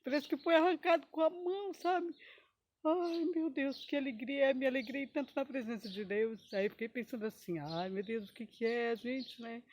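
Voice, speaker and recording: A woman's voice: sits high, steady tone, normal speed, a little mellow, a little hiss or hum. Emotional woman sharing a testimony. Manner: emotional, rambling, often adds "né?" and "sabe?"; breaks into praise exclamations. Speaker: believer giving a testimony. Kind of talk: personal spoken testimony.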